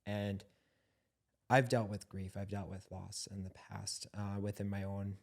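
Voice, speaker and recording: An earnest young man co-hosting a candid podcast conversation. His voice sits low and stays fairly level in pitch. He speaks reflectively and searches for his words. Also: flat delivery, measured pace, creaky. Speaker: podcast co-host.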